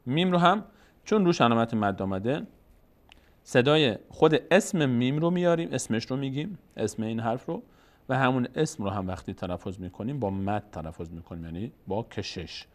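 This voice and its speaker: A man giving a recorded lesson on reading the Quran. He explains patiently, asks questions and answers them himself, and draws out the sounds slowly when he demonstrates them. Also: medium pitch, expressive. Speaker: Quran recitation teacher.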